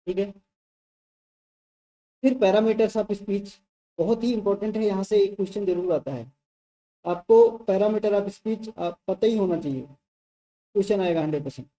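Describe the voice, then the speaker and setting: Very dark-voiced woman teacher. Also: medium pitch, poor audio. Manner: conversational, checks in often with the listener; explains with spoken examples. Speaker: exam-prep teacher. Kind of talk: explanatory lecture.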